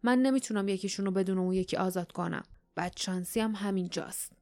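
A woman reading the lines of a gruff, secretive rebel man who talks in a dry, curt way. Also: medium pitch, mellow, natural voice.

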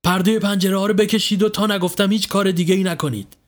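A man voicing a calm, mysterious doctor who hypnotizes a patient, talking in a cool, measured, commanding way. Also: high-pitched, pitched above the performer's own voice, close to an everyday voice. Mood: calm, controlled.

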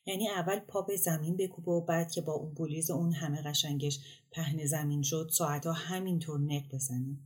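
A woman narrating a literary short story in a calm, measured reading voice. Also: deep voice. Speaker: story reader. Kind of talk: audiobook narration.

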